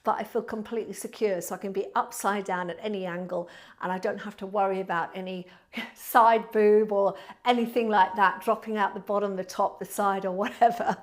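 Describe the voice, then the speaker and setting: Female Pilates host, southern English, lightly high-pitched, warm and chatty, informal address to online viewers. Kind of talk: casual livestream chat to viewers. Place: indoor studio.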